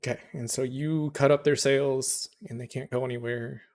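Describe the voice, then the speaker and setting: A man's voice: mid-range voice, steady tone, moderate pace, a little mellow. A man narrating as game master, describing scenes in a loose, rambling way. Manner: casual, rambling with restarts.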